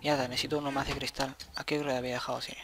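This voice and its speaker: A man giving casual, excitable let's-play commentary, thinking aloud as he plays. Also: mid-range voice, rapid-fire, background noise. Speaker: gameplay commentator.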